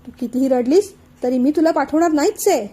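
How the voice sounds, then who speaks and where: A woman's voice: high voice, lively intonation, fairly quick, warm tone. A woman reading a stubborn, teasing young husband. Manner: stubborn, mocking.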